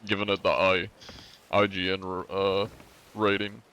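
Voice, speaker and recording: A northern US man in his twenties streams a game, rambling casually with plenty of fillers and reading chat aloud. His voice is deep and smooth, pushed and bright, with a flat, unhurried delivery.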